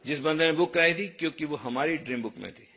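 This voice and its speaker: A man giving a storytelling speech, lively and anecdotal, acting out bits of dialogue. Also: on the high side, fast talker, husky. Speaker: motivational speaker.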